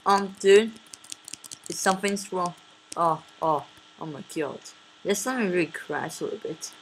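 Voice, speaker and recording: A woman giving casual commentary over a game she is playing, excitable, often repeating words and laughing. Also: fairly low pitch, measured pace, a little hiss or hum.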